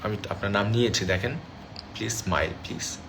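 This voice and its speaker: A man's voice: on the low side, a little fast, creaky, a bit bright, slight background noise. A young man reading fans' comments aloud and answering them in a casual live chat from his room, mixing English phrases into his talk. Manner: chatty, mixes English phrases into speech. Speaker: actor reading fan comments on a livestream. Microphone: phone livestream.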